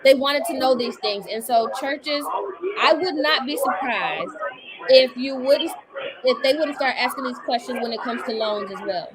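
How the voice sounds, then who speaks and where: A woman's voice: sits high, normal speed, low-quality recording. Emphatic woman host over crowd chatter. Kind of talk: casual talk to a live online audience.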